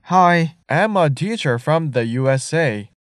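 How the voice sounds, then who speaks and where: A man reading English listening-test items clearly and deliberately, repeating each sentence. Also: fairly high pitch, animated, no room sound, studio quality.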